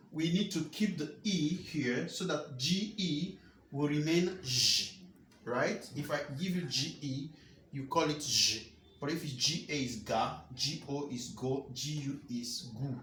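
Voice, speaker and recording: A man teaching a French grammar lesson, explaining patiently and repeating key points with quick rhetorical checks. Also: a little high, roomy sound, a little hiss or hum.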